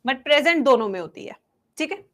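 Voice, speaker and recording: A young woman teaching biology for an exam, mixing Hindi and English, slowly dictating table entries and then breaking into quick asides to her students. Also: sits high, expressive, a bit bright.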